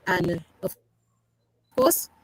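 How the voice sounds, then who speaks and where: A woman's voice: fairly low pitch, wildly swooping pitch, drawn-out words, breathy edge, dry recording. A woman, a guest on a talk show, giving impassioned, speech-like closing remarks over a remote call. Her audio is glitchy and breaks up as she talks. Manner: rhetorical, speech-like, repeating phrases for emphasis. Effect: glitchy call audio that breaks up and drops out. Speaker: guest panelist. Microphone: remote video call. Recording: buzzy, choppy internet call audio.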